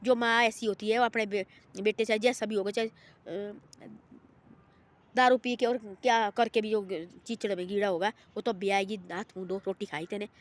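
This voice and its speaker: A woman's voice: mid-range voice, steady tone, moderate pace. Lady telling a moral tale, rambly, repeats herself a lot, acts out the people in it. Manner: rambling and repetitive, voices the people in her story. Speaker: storyteller. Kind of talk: informal moral storytelling.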